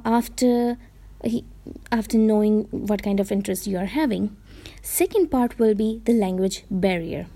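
This woman from India, a Gujarati native speaker with an Indian English accent, has a warm, mid-range voice. In a relaxed to-camera vlog she gives sincere, explanatory tips on reading, often stopping to correct herself.

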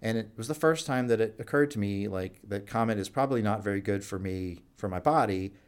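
A fairly low-pitched man tells stories from his work as a doctor at a jail clinic in a relaxed interview. He delivers the anecdotes with animation and slips into the voices of the people he quotes. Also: fairly quick, smooth. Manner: animated anecdote-telling, acts out quoted dialogue. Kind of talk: storytelling in a conversational interview.

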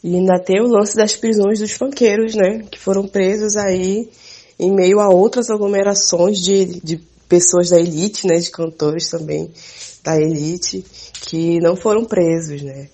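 A woman hosts a podcast interview with a husky, mellow voice pitched a little low. She talks conversationally and ends many of her sentences with tag questions. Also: steady tone, a little slow. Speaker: podcast host. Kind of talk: casual interview talk.

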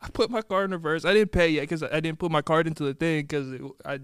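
A man's voice: a little high, fast talker, clear, resonant tone, dry recording, clean studio sound. A man on a podcast, choking up and teary, breaking into helpless laughter, coughs and whispers as he tries to tell a story. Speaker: podcast co-host. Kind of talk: casual chat. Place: indoor studio with mics. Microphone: close mic.

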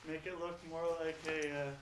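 A man's voice: fairly high pitch, flat delivery, moderate pace. A man chatting casually as a podcast co-host, rambling with lots of fillers, his voice echoing as if heard through a second device. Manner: rambling, trails off with many fillers. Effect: echo from a second device. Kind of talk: casual chat. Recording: echoey and distant, faint noise.

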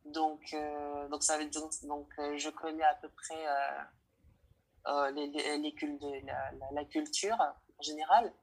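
A young woman from French Guiana with a low, husky voice answers interview questions. She speaks hesitantly and often stops to find the right word. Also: steady tone, unhurried, rough recording. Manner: hesitant, searching for words.

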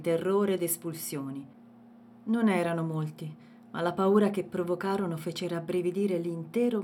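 A woman narrating an audiobook in a measured, expressive reading. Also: low-pitched, a little hiss or hum.

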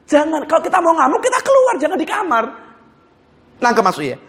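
A male pastor delivering a sermon with an unusually high voice for a man. He tells it like a story, animated and conversational, with frequent light chuckles between his points. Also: brisk.

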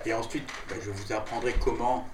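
A man's voice: fairly low pitch, steady tone, brisk, roomy sound, background noise, voice pushed down, close to an everyday voice. A man voicing a cultivated, pompous male goblin sage who talks at length. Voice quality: pompous, long-winded.

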